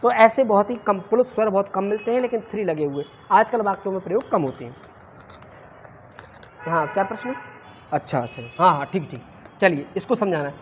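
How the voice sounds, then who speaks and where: A woman's voice: mid-range voice, lively intonation, brisk. A woman teaching Sanskrit in a classroom lecture, quizzing her students and answering her own questions, sometimes stretching sounds out to demonstrate them. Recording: muffled lo-fi with faint noise.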